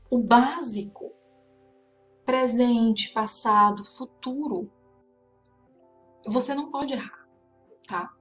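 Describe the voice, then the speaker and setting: A Brazilian woman teaching an online exam-prep lesson, explaining patiently and checking in with the viewer often. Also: on the high side. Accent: Brazilian Portuguese. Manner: explains patiently, asks itself learners' questions, frequent "tá?" check-ins. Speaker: French teacher.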